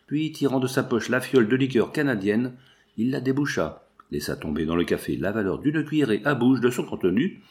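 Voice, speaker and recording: A man narrating a classic novel as an audiobook, measured and expressive. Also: fairly low pitch. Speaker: audiobook reader.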